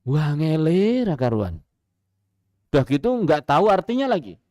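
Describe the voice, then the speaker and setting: A man with a Javanese accent and a voice on the high side preaches Islam over the radio at a normal pace, telling animated stories punctuated by rhetorical questions and chuckles. The sound is dry and of studio quality.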